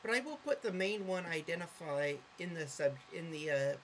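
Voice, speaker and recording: A woman's voice: on the low side, lively intonation, brisk, a little hiss or hum, low-quality recording. A woman talking casually to camera in a vlog monologue. She rambles, corrects herself often and gets sidetracked, with an earnest, openly affectionate manner. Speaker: vlogger.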